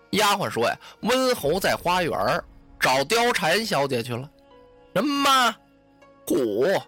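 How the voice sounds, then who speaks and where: A storyteller telling a classic tale in an animated way, voicing sound effects and adding asides. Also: medium pitch. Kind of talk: traditional storytelling.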